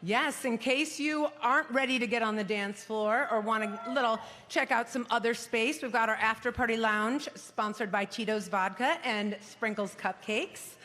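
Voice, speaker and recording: A woman's voice: a little high, moderate pace, few pauses, sharp tone. A woman hosting a charity gala, making upbeat, thankful announcements from the stage of a hotel ballroom. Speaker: event host for a charity. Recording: long ballroom reverb.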